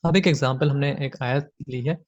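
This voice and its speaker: A man's voice: medium pitch, brisk. A man teaching grammar from slides, patiently repeating his points with frequent fillers. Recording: slightly dull lo-fi audio.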